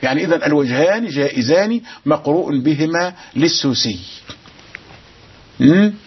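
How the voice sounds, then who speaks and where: A man teaching Quran recitation rules, explaining quickly and chanting verses slowly and melodically. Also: on the high side, expressive, slightly rough. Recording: dull lo-fi broadcast sound.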